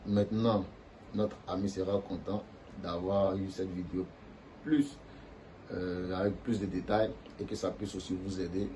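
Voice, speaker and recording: Male teacher, dark mellow tone, patient explainer who sounds out syllables, faint background hiss. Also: low voice. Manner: demonstrates tones by drawing out syllables. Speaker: language teacher. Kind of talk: explaining lesson to viewers.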